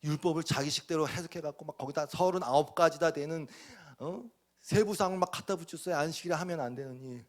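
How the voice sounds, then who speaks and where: Animated Korean pastor preaching. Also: male voice, a little high, fast talker. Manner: dramatic, acts out voices of God and people, swings from loud to whispered. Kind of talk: sermon.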